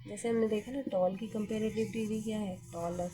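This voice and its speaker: A woman's voice: medium pitch, steady tone, fairly quick, music in the background. A woman teacher explaining grammar step by step in a patient manner, often asking questions and then answering them herself.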